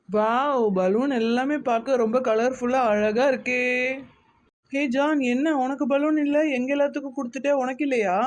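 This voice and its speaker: A young woman acting as teacher in a children's Bible-school skit, lively and coaxing as she speaks to the kids. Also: on the high side. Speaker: church children's program teacher.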